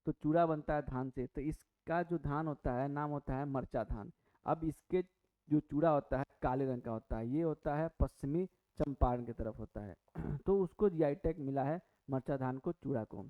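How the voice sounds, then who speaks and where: A man's voice: a little high, moderate pace. A man teaching an exam-prep lesson, chatty, asking and answering his own questions with many fillers and restarts. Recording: tinny phone-like audio.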